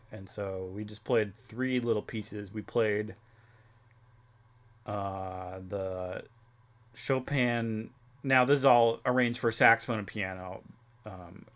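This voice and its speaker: A young man livestreaming, chatting casually with viewers in a rambling way with lots of fillers. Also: mid-range voice. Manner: rambling, filler-heavy, reads chat aloud. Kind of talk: casual chat with stream chat.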